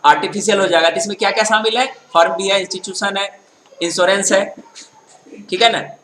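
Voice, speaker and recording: A man's voice: high voice, fairly even intonation, a bit bright. A man teaching accounting in a classroom lecture style, explaining patiently and often checking whether listeners follow. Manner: explanatory, keeps checking understanding with tag questions; reads English definitions slowly, then explains them. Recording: echoey room with faint noise.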